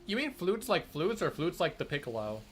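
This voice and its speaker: A young male streamer who grew up speaking Spanish chats casually, playful and jokey, laughing a lot and talking in quick bursts. His voice is a little high, sing-song, and fairly bright, with soft music in the background.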